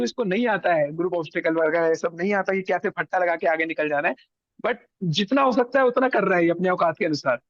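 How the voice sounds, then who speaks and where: A man's voice: high voice, dry recording, highs cut off. A young man from India, a guest on an interview show, telling his story casually and acting out what others said. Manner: animated, acts out others' lines.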